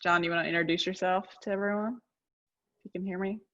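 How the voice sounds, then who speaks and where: A woman's voice: on the low side, fairly even intonation, fast, a bit bright, lo-fi sound. A woman from North Carolina, a professor, moderating a video call with a hesitant manner and many ums. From North Carolina, United States.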